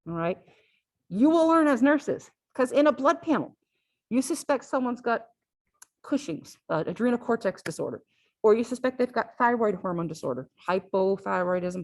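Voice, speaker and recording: A woman gives a physiology lecture to a class in a relaxed, conversational way, often pausing to ask "all right?". Her voice sits at a middle pitch, and the recording is dry and close with no room echo. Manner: conversational and repetitive, with frequent "all right?" check-ins.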